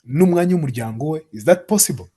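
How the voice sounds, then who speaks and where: A man's voice: fairly high pitch, animated, quick pace, mellow, husky. A man asking the guest a long question, drawing out his words with fillers.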